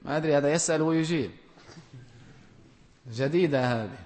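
A religious scholar, a man, reads out audience questions and answers each with plain, direct rulings. His voice sits a little high and he gently admonishes his listeners. Long reverb trails behind him, as in a mosque or large lecture hall. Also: brisk.

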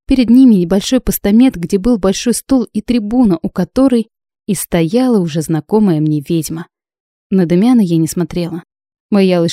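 A woman reading a first-person story as an audiobook narrator, lively and expressive. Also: fairly low pitch, dry recording, studio quality.

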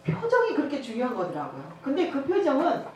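Woman preacher, lively storyteller who acts out dialogue, higher voice, echoey hall, heard from a distance. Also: quick pace, slight background noise. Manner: storytelling, acting out dialogue, laughing often. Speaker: evangelism trainer. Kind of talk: sermon with personal testimony. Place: church.

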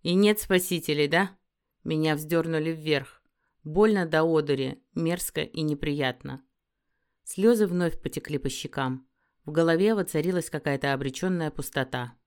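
A woman's voice: deep voice, normal speed, a little mellow, clear, resonant tone. A woman narrating a first-person fantasy audiobook in a dramatic, emotive reading.

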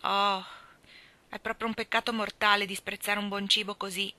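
A woman voicing a cheerful, talkative young housemaid who speaks in a lively, homely and blunt way in a storybook reading. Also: mid-range voice, moderate pace, dry recording, close to an everyday voice. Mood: chatty, lively.

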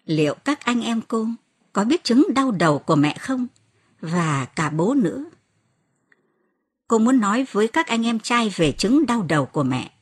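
Expressive woman reading a novel aloud, husky tone. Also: medium pitch. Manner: expressive reading, lifts her voice for quoted cries. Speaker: audiobook narrator. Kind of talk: scripted narration of a novel.

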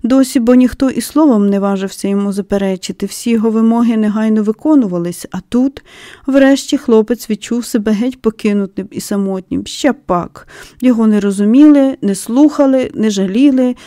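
A woman narrating a children's novel in an expressive, lively reading. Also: a little high, a little fast, no echo, studio quality. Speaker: audiobook narrator. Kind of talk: storybook narration.

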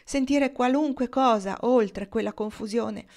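Woman, audiobook reader, novel reading, steady pace. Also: fairly high pitch, unhurried.

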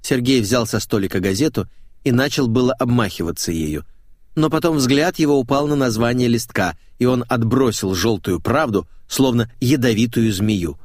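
A man narrating an audiobook in the first person, with a wry, expressive storytelling manner. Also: medium pitch, normal speed, no echo. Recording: dry close studio.

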